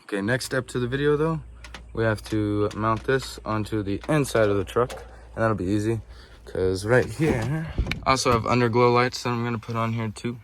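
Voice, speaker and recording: Clear ambient noise fills this phone-camera recording of a man presenting a DIY tutorial as he works. His voice is mid-range and moderately paced, and he rambles casually, dropping the odd mild swear word.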